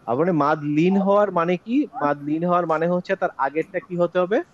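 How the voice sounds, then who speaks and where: A man teaching an online Quran recitation class, drawing out syllables slowly for students to repeat. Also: high voice, muffled recording.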